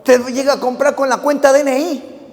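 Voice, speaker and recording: A man's voice: extremely high pitch, normal speed. A male pastor preaching a sermon, firing questions at the congregation and having them repeat lines back. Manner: lively call-and-response preaching with many questions to the congregation. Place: church hall. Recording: long reverb in a church hall.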